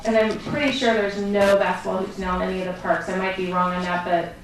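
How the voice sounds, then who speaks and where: A woman council member asking a resident brisk, matter-of-fact questions in a council chamber. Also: mid-range voice, level tone. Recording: roomy, distant mic with background noise.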